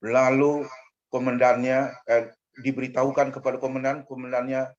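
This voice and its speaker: An older man, a pastor, telling a personal testimony in a measured way, often dropping a soft "ya" between phrases. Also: medium pitch, level tone. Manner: measured, fills pauses with a soft "ya". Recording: dull lo-fi recording.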